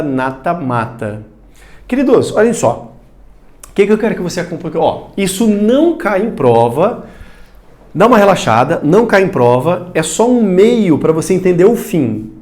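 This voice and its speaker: Brazilian male prep teacher, high bouncy voice, casual and chatty. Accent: Brazilian Portuguese. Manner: lively, chatty, plays student questions himself. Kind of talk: recorded video lecture. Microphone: studio recording facing a screen.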